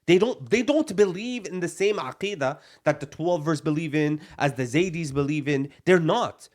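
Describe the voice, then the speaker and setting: A man's voice: a little high, animated, normal speed, a little mellow. Blunt, fired-up young man on a podcast. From Palestine. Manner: blunt and emphatic, repeats "bro" and Arabic phrases. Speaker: podcast co-host. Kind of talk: heated podcast discussion.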